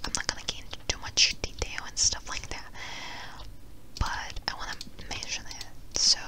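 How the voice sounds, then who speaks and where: A video host speaking in a breathy close-up whisper, rambling reassuringly in a casual ASMR gaming chat, with keyboard typing behind. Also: poor audio. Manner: rambling, reassuring advice-giving. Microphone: close-up microphone.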